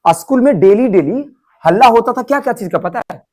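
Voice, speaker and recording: Young male classroom teacher, high-pitched, animated lecturing with constant questions to students. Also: brisk, low-quality recording. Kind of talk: classroom lecture explaining an English story.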